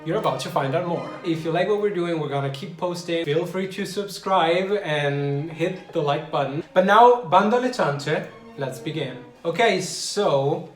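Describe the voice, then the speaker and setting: Man hosting a chat show, joking and opinionated, fairly high pitch, roomy sound with faint music. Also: moderate pace, hardly any pauses. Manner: joking, opinionated, restarts sentences. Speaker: podcast host. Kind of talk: casual chat.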